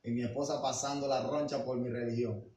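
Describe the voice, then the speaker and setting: A man preaching a sermon as pastor, emphatic and full of rhetorical questions, swinging between quiet asides and loud declarations. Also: medium pitch, level tone, fairly quick. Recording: roomy and distant with faint background noise.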